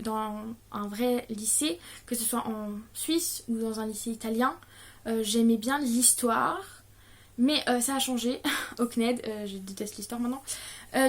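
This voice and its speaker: A nervous young woman talking straight to her viewers in a casual question-and-answer vlog. Her voice sits a little high, and she stumbles and restarts often, filling gaps with hesitant sounds. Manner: hesitant and stammering, many fillers. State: nervous, stressed.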